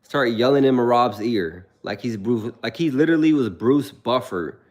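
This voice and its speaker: A young man with a mid-range voice and moderate pace chats casually on a livestream, spinning animated stories and reading viewers' comments aloud. The sound is lo-fi.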